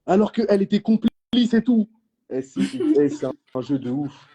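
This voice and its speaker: A young man telling reality-show stories in quick, slangy casual chat, acting out what others said. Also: on the high side, husky, highs cut off. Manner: animated storytelling in slang, acting out others' lines.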